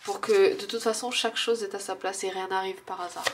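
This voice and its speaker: A woman with a stuffy nose doing a casual oracle card reading, musing and hesitant, with frequent fillers and soft laughs at herself. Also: medium pitch, fairly even intonation, a little fast, heavy background noise.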